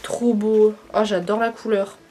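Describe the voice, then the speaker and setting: A woman's voice: mid-range voice, level tone, a little slow, mellow, distant mic, soft background music. A young woman chatting through a casual vlog from a bedroom, hesitant with many fillers and apologies. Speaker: beauty vlogger. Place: her mother's bedroom, indoors. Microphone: camcorder mic.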